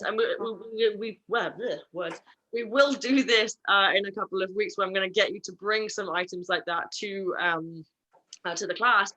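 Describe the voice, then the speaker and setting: A woman dog trainer teaching an online puppy class, chatty and self-correcting, sometimes slipping into a playful high voice. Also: sharp tone.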